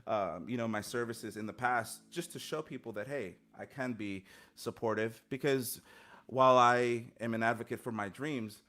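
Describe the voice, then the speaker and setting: Over a video call, a man in his thirties, a guest musician, responds to an interview with a medium-pitched, fairly bright voice at a moderate pace. He's earnest and reflective, with many fillers and restarts, using a studio mic on a stand and headphones in his home studio.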